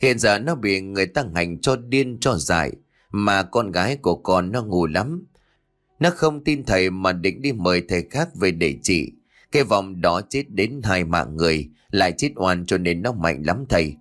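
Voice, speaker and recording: A man's voice: low voice, expressive, normal speed, a bit bright. A man voicing a desperate, tearful elderly woman's ghost who begs for help in a storybook reading. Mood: pleading. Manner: begging, tearful.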